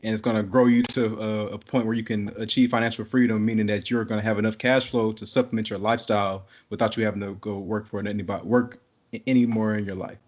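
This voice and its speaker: A young man co-hosting a podcast, talking in a relaxed, rambling way and laughing easily. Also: fairly low pitch, quick pace. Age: young adult. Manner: laid-back, rambling, many fillers and restarts, laughs easily. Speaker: podcast co-host. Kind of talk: casual podcast chat.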